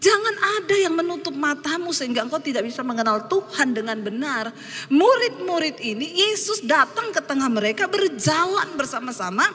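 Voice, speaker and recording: High bright-voiced woman pastor preaching. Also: normal speed, long reverb tail. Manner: lively storytelling with humorous asides to the congregation. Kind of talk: preaching a sermon with anecdotes.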